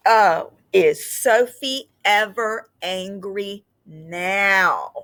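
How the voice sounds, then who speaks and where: She explains reading concepts to kids very slowly and gently, her medium-pitched voice patient and dotted with fillers, before reading a picture book aloud expressively. A little hiss or hum sits under the recording.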